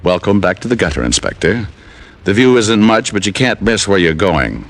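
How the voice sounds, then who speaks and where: Narrating an old 1950s radio drama, a male actor plays a wry private detective full of dry wisecracks. His low-leaning voice is sing-song at a moderate pace. The broadcast is very noisy, with faint music underneath.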